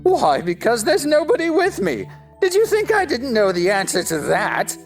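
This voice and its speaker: In a stage-play style audio drama, a woman voices a pompous, touchy, argumentative talking egg, leaning on haughty, exaggerated emphasis. Her full character voice is high-pitched with huge pitch swings at a moderate pace, over soft background music. The mood is smug, pure theatrical acting.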